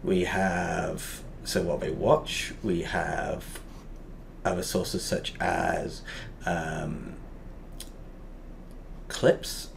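A man teaching a lesson over a whiteboard drawing, explaining step by step and pausing often with fillers. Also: deep voice, steady tone, creaky, a little hiss or hum.

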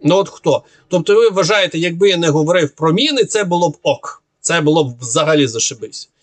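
A man talks through viewers' questions off the cuff in a somewhat high voice. He is sarcastic and combative, pausing often on filler sounds. The sound is dry and close, with no room echo. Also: animated. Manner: sarcastic, argumentative, hesitant with frequent filler sounds. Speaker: military analyst answering viewer questions. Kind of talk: unscripted monologue.

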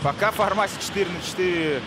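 A man's voice: sits high, fast talker, very noisy. A man giving live hockey play-by-play commentary in short phrases that follow the play.

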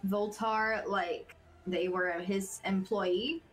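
Slow-talking woman player. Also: medium pitch, fairly even intonation. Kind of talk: playing a tabletop game.

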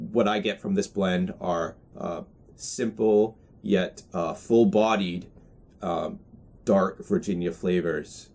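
A man in his twenties giving a casual video review in a measured, hesitant way, pausing to find words. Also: deep voice, a little mellow. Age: 20s. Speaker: product reviewer. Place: indoors in a small room with bookshelves.

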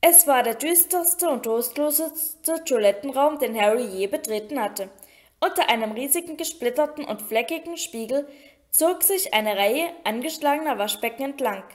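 A woman reading a novel aloud in a high voice. Her storytelling is steady, with the odd small slip corrected on the go. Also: normal speed. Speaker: audiobook reader.

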